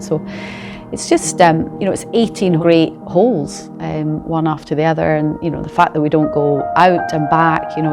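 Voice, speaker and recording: Low, gravelly woman golfer. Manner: chatty, filler-heavy. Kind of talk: interview answers.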